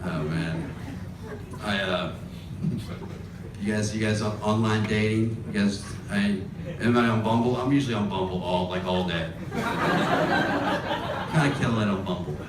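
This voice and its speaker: A man's voice: on the low side, unhurried, long pauses, heavy background noise. Wry man doing stand-up in a roomy club. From grew up in Georgia, US. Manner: wry, chuckles through punchlines. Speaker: stand-up comedian. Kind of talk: stand-up set. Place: comedy club stage. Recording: roomy club, far mic, loud crowd.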